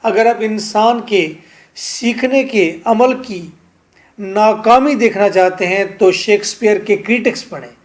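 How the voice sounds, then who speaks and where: Slow, high-voiced man teaching literature. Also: darkish tone. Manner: explains slowly, repeats each English point in Hindi. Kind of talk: recorded lecture.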